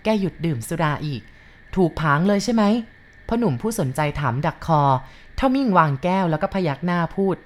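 A woman reading a ghost story aloud in a steady, unhurried storytelling manner. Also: lowish voice.

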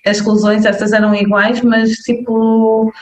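A young woman with a northern Portuguese accent talks casually as an interview guest, pitched fairly high, with faint music behind her. She's lively, full of fillers and quick listener checks, and the space echoes roomily.

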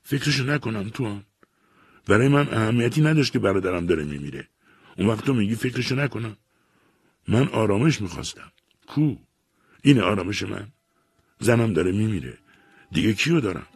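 A man's voice: on the low side, animated, long pauses, slightly rough, no room sound, studio quality, pitched above the performer's own voice. A man voicing an anguished grieving man. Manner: anguished, raised outcries. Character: grief-stricken man mourning his wife and brother. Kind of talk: audiobook narration.

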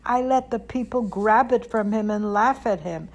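A woman's voice: a little high, moderate pace. A woman voicing an indignant male town rabbi in a storybook, speaking firmly and later sounding shaken. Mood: remorseful. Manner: stern, then shaken and apologetic.

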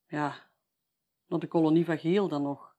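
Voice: mid-range voice, fairly even intonation, measured pace, mellow, muffled recording. A storyteller with a Flemish accent, telling a local tale in a chatty, folksy way, often adding a tag at the end of sentences.

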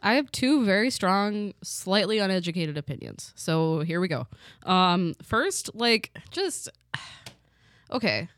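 A woman's voice: medium pitch, takes it slowly, no echo. A young adult woman co-hosting a podcast, talking in a casual chat and ranting bluntly with lots of swearing. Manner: blunt, swears freely, animated rants. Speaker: podcast co-host.

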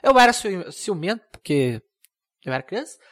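A young man hosting a comedic solo podcast, rambling and mocking himself in a deadpan way. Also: sits high, normal speed. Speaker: podcast host.

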